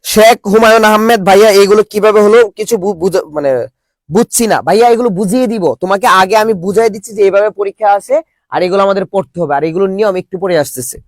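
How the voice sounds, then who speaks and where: A man's voice: high-pitched, quick pace, dry recording. A young man teaching a live online Bangla class, joking with students and drilling them with call-and-response questions.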